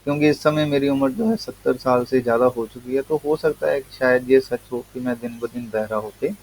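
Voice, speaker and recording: A man teaching English literature, reading a text aloud slowly and explaining each line. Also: mid-range voice, fairly even intonation, a little mellow, a little hiss or hum, rough recording. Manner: reads English lines slowly and deliberately, then explains in quicker Hindi.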